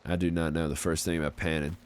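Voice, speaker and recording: A rumbling low voice, a level tone and a fast delivery mark this game streamer in his forties. In character on his livestream, he uses a put-on American Southern accent as a folksy, courtly frontier man, casual and chatty.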